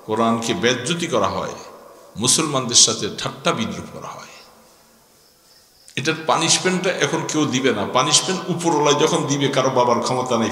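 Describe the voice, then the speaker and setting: Bangladeshi guy preaching a waz, stern and scolding, mid pitch, big echoey reverb on it. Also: pushed and bright, slight background noise. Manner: admonishing, stern. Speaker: Islamic preacher at a religious gathering. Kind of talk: waz sermon with rhetorical questions to the audience. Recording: echoing PA sound with long reverb.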